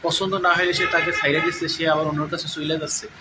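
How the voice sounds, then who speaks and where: A young man with a high voice talks in a mock-preachy, joking way and draws out his words for effect. He speaks outdoors from a bicycle. Loud street noise runs under his voice. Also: little pitch movement, fast. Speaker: vlogger. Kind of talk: casual comedic vlog talk. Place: outdoors while riding a bicycle.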